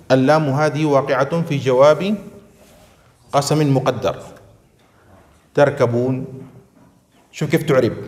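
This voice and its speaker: A man's voice: medium pitch, darkish tone, long reverb tail. A man teaching an Arabic grammar lesson, often checking whether his students understand. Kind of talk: classroom lesson.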